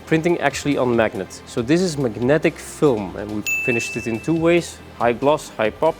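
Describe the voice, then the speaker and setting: A man giving a rushed product demonstration, moving between samples with many fillers and saying he is out of breath. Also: medium pitch, lively intonation, music in the background. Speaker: product presenter.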